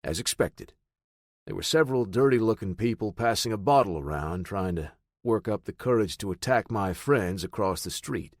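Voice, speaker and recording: A man narrating a first-person audiobook in a steady, matter-of-fact way. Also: fairly low pitch, normal speed, no room sound, clean studio sound.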